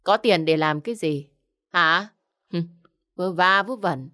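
A woman's voice: fairly low pitch, slow, sharp tone. A woman voicing a rude, stingy middle-aged village man who scolds curtly. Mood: scolding. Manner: scornful, scolding, curt.

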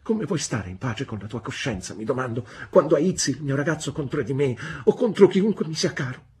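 A woman reader voicing a fretful, capricious young mother with a shrill, pleading voice, in an audiobook. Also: expressive, fairly quick, darkish tone, breathy edge, heavily acted. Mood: shrill hysterics.

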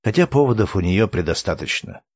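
A man's voice: lowish voice, animated, fairly quick, no echo. A man reading an audiobook, voicing a weary male character who grumbles sardonically. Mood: grumbling.

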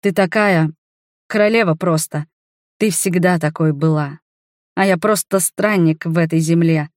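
A woman voicing a gentle, shy wanderer man who talks softly and tenderly to his beloved in an audiobook. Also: on the high side, unhurried, no echo, clean studio sound, close to an everyday voice. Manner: soft, tender and reassuring. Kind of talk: audiobook character voice.

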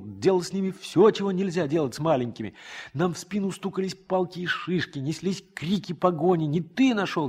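A man's voice: on the high side, a little mellow, husky. A man narrating a first-person story in a radio drama, in a reflective, rueful tone.

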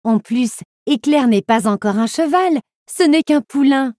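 A caring young princess from a storybook, bright and lively with a raised pitch, voiced by a woman. Dry, close sound. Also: a little slow, no room sound. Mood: carefree.

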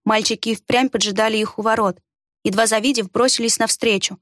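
A woman narrating a fantasy story in an even storytelling delivery. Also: on the high side, brisk, dry recording, clean studio sound. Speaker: audiobook narrator. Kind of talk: scripted narration.

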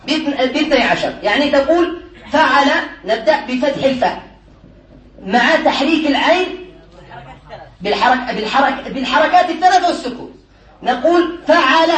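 High-voiced man teaching in an echoey room. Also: a bit bright, far from the mic. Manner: quizzes students, repeats answers, chuckles often. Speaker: teacher, sheikh. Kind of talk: classroom lesson.

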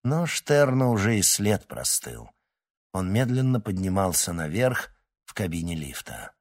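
Low-voiced male audiobook narrator. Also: big pitch swings, unhurried. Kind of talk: scripted narration.

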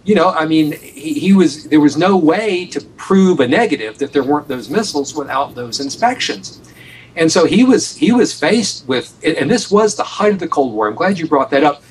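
A man's voice: a little high, lively intonation, moderate pace, distant mic, slight background noise, rough recording. An American man telling a story as an interview guest, emphatic, often repeating and restarting his phrases. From United States. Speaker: guest author on a radio show.

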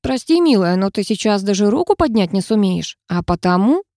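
A woman's voice: mid-range voice, big pitch swings, a little fast, mellow, no echo, clean studio sound. A woman voicing a cocky, teasing young male student mage in an audiobook, smug and self-assured. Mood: mocking. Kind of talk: audiobook character voice.

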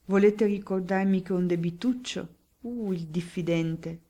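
A woman's voice: lowish voice, fairly even intonation, measured pace, dark tone. A woman voicing a sly, scheming middle-aged male priest who dodges and wheedles. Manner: evasive, wheedling.

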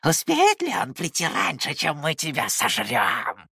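A man voicing small mocking demons in an audiobook, with a husky, drawling, gravelly voice. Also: fairly high pitch, wildly swooping pitch, unhurried, bright, forceful tone, no echo, clean studio sound, pitched above the performer's own voice, exaggerated voice. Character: small mocking male demons, sly and cruel.

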